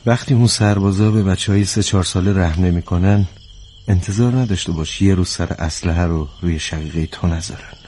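An actor dubbing a cautious, worried male colleague who reasons calmly but fearfully. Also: deep voice, a little hiss or hum, natural voice. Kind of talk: dubbed film acting.

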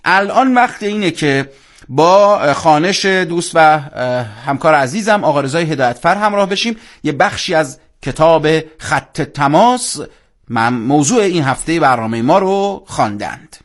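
A man with a fairly high voice hosts a radio program. He speaks fluently and warmly into a studio microphone, now and then pausing on small fillers. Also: lively intonation. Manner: warm, fluent presenter with frequent fillers. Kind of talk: hosting a live radio show.

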